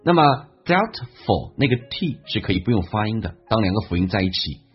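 A man teaching English pronunciation and listening, explaining how words link and repeating phrases slowly as models. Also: fairly low pitch, sing-song, breathy edge. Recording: dull lo-fi sound with faint background music.

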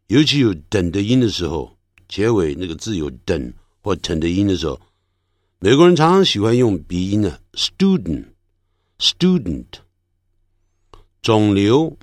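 A man teaching English pronunciation from a textbook, slowly stretching and repeating each example word. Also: on the low side, dry recording, studio quality. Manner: slow, stretches out example words, repeats them. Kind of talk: textbook lesson, explaining in Chinese.

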